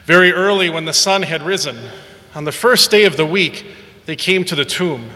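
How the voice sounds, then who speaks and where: A man, a priest or deacon, reading the gospel aloud in a measured, solemn way, his voice ringing with a cathedral echo in a large church. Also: on the high side, pushed and bright. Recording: long church reverb.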